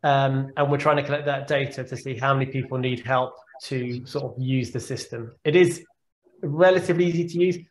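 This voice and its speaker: A neurologist in his forties, appearing as a guest speaker, takes audience questions over a video call from a room at home, answering thoughtfully and often repeating words as he thinks. His voice is mid-range and a little fast with fairly even intonation, and the call audio is echoey.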